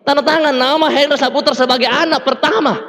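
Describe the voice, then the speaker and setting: A man telling his story to an audience in a lively, animated way, acting out the dialogue and laughing often. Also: very high voice, quick pace. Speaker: motivational speaker. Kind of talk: testimonial talk to an audience. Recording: reverberant hall.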